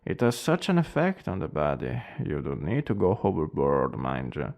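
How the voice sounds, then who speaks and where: Man playing a gravelly Italian-accented plague doctor. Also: extremely low pitch, huge pitch swings, darkish tone, heavily acted. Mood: clinical, courteous. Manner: formal, clinical, deliberate. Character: cold, eerily polite male plague doctor. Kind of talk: doctor role-play.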